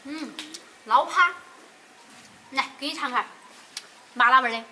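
Young woman, Sichuan dialect, higher-pitched, casual cooking host, outdoor kitchen with clear background noise. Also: unhurried, pushed and bright. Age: young adult. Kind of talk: casual cooking demonstration and chat. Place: open-air village kitchen.

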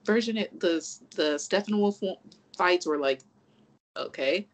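A podcast co-host in casual chat, animated and profane, rambling through restarts and acting out reactions. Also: medium pitch, unhurried, poor audio.

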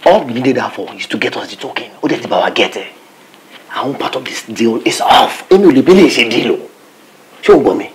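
A man's voice: medium pitch, animated, quick pace, slight background noise, close to an everyday voice, low-quality recording. An actor playing a scheming young man who mixes Yoruba and English. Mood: scheming, sharp. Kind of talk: Nollywood film acting.

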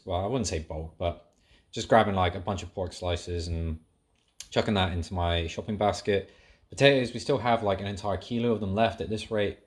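A young British man talking casually in a rambling, self-correcting video diary at home. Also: lowish voice. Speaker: fitness vlogger.

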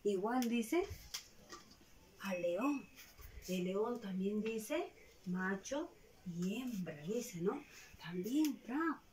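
A woman's voice: medium pitch, expressive, drawn-out words, pauses often, a little mellow. A woman teaching a preschool class, singing a children's song and then telling a story in a sing-song, affectionate way with frequent tag questions. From Peru. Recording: distant mic with faint noise.

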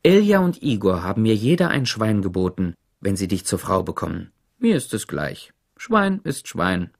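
A man's voice: fairly low pitch, very animated, moderate pace, gravelly, exaggerated voice. A man doing a jovial old-country farmer father. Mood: hearty. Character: jovial middle-aged farmer father, pig-minded. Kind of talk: audiobook reading.

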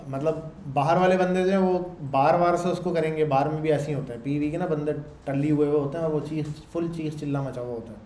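Loud, chatty male lecturer. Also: fairly high pitch, fast talker, few pauses. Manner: loud, conversational teaching with frequent check-ins to the class. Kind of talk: classroom lecture. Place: classroom. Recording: echoey room with faint background noise.

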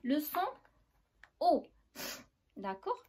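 A woman's voice: high voice, big pitch swings, very slow, warm tone. Moroccan woman teaching basic French. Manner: switches between French and Moroccan Arabic, explains step by step, checks understanding. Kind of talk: classroom lesson.

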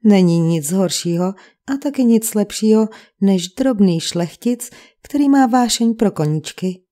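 A woman's voice: mid-range voice, animated, warm tone, close to an everyday voice. A woman reading the part of a fussy English village vicar who speaks in a precise, cold and sarcastic way.

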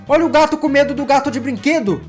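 A man, hosting his channel and reacting to funny cat clips in an excitable, playful way, teasing himself and his pets. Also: extremely high pitch, fast talker, soft background music. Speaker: YouTube gaming host.

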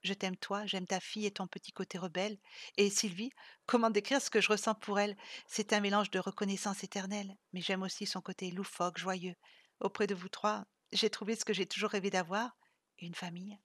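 A woman reading the lines of a gentle, weary man cursed for centuries, speaking softly and tenderly. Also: mid-range voice, flat delivery, fairly quick, no echo, close to an everyday voice.

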